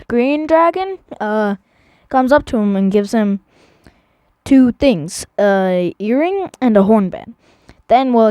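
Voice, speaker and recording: A woman's voice: medium pitch, a little mellow, clean tone, no echo, clean studio sound. A woman casually narrating a recap of her own animation series, rambling with many fillers and restarts.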